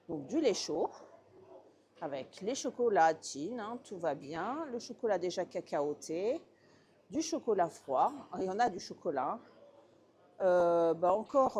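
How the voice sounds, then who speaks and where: Woman, casual vlog tour, mellow warm tone, lists items to the viewer, handheld camera mic. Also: mid-range voice. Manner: chatty, lists items one by one, addresses viewer directly. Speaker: vlogger touring a hotel breakfast buffet. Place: indoor hotel breakfast room.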